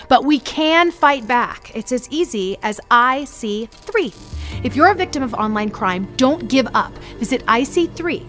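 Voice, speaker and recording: A woman's voice: fairly high pitch, a bit bright. A woman voicing a perky know-it-all queen in a radio public service ad, with a bubbly, upbeat delivery. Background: music.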